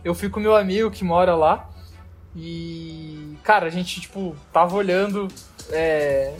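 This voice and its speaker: With soft background music, a high-pitched man takes his time telling a travel story. His Brazilian Portuguese accent colors the loose, slangy, filler-heavy chat.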